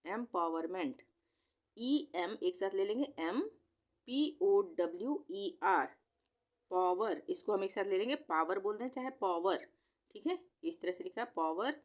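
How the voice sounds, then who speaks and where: A woman's voice: mid-range voice, lively intonation, measured pace. A woman teacher patiently sounding out long words letter by letter in a spelling lesson.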